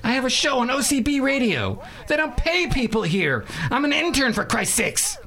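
Hapless deadpan radio host played by a man, very lively pitch. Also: normal speed, full character voice. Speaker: talk show host.

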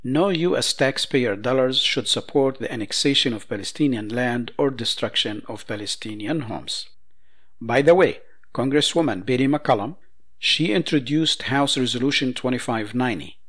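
A man presents news commentary, reading statements in a measured, emphatic way. His voice sits at an ordinary middle pitch. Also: fairly bright tone.

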